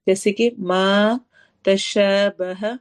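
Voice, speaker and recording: A woman teaching a tajweed lesson to her students. She explains recitation rules, asks and answers her own questions, and slowly draws out Arabic words to demonstrate them. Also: mid-range voice, little pitch movement, smooth. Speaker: Quran teacher.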